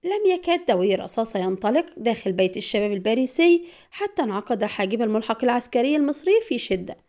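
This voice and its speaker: A woman narrating an audiobook spy thriller in a brisk, dramatic storytelling manner. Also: on the high side, sing-song, darkish tone.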